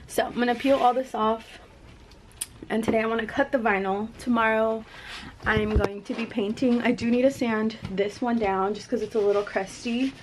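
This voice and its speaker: A woman's voice: on the high side, a little hiss or hum. A young woman, a balloon decor business owner, talking casually and rambling as she works in her indoor studio with a handheld camera, laughing often. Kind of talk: casual vlog talk.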